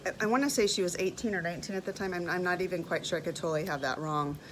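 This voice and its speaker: A woman's voice: lowish voice, rapid-fire, slight background noise, rough recording. Emotional woman in her fifties telling a story. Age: 50s. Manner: animated, emotional storytelling with repeated words. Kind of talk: personal testimony vlog.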